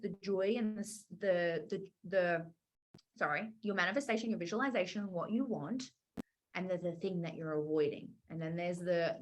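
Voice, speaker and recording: Woman, money mindset coach, casual and animated, acts out quotes on a group call. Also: medium pitch. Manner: animated, chatty, acts out quotes, many "like" and "right?".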